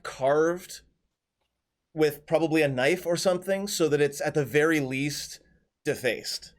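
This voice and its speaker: A man narrating a tabletop game as its game master. He talks in a relaxed way, pausing often on ums and restarting his phrases. His voice sits a little high for a man.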